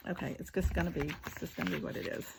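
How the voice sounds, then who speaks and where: A woman's voice: on the low side, steady tone, racing, vocal fry, background noise. A woman, talking casually through a craft tutorial, chatty and self-deprecating, with muttered asides while she works. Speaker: craft video maker.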